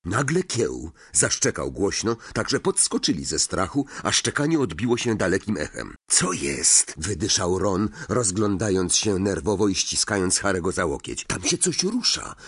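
A man reading a fantasy novel aloud as audiobook narrator, in an expressive storytelling manner. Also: deep voice, moderate pace, few pauses, breathy edge. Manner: expressive storytelling, varied intonation.

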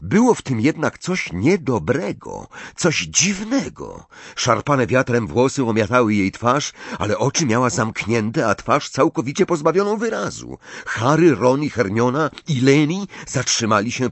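A man reading a story aloud as an audiobook narrator, in an expressive, dramatic way. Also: medium pitch, unhurried, gravelly, hardly any pauses, husky, no room sound. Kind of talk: scripted narration.

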